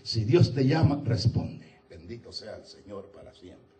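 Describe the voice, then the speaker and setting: A man preaching a fervent sermon, often shouting and breaking in with short cries of praise. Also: on the low side, very animated, unhurried, recorded from a distance. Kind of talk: impassioned sermon.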